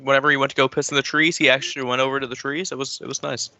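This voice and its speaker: A man player in casual chat during an online tabletop game, quick and teasing. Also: medium pitch, flat delivery, sharp tone, highs cut off. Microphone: online voice call.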